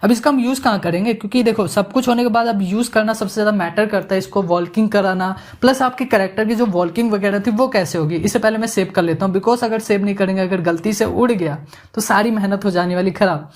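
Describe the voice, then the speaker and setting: Chatty man teaching animation software. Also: high-pitched. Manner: chatty, joking asides, mixes English words into Hindi. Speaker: animation tutorial instructor. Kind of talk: casual screen-recorded software tutorial.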